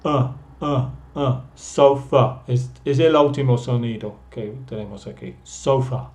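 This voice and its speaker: Man, English teacher, extremely slow delivery, medium pitch, patient, repeats vowel sounds over and over. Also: darkish tone. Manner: drills vowel sounds by repeating them many times; patient, explains simply step by step. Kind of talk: slow beginner language lesson.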